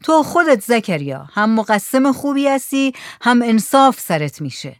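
A woman's voice: on the high side, big pitch swings, dry recording, studio quality. A woman voicing a commanding village headman in a storybook reading.

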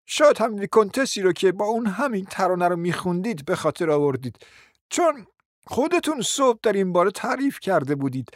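A performer voicing a young man, a suitor, explaining in a soft, measured way in a radio play. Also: mid-range voice, very animated, no room sound, clean studio sound, natural voice. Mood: calm. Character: young male suitor, calm and reasoning.

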